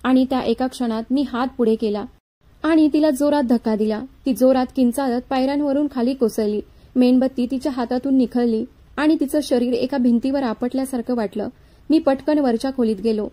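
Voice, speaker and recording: A woman narrating a dramatic story in a measured, even storytelling manner. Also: on the high side.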